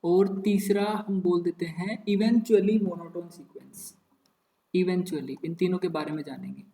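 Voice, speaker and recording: High-voiced young man teaching maths. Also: steady tone, slow, dark tone. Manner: repetitive, playful, muttering asides. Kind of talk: casual Hindi-English lecture. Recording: echoey room.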